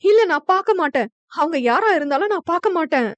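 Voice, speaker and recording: A woman's voice: sits high, animated, measured pace, no room sound, voice pushed up. A woman voicing a pleading, tearful young woman. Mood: frantic.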